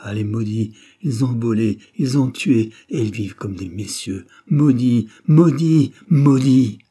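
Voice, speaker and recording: A man's voice: mid-range voice, lively intonation, normal speed, dark tone, slightly rough, voice pushed up. A man voicing a frenzied old woman mad with terror in an audiobook reading, pleading and shrieking wildly. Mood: furious cursing.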